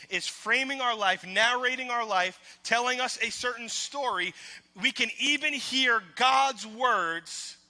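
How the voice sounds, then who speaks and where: A man's voice: high voice, bright, forceful tone. A male pastor preaching a sermon, emphatic and repetitive, putting rhetorical questions to his congregation. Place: church sanctuary. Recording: long reverb of a large church hall.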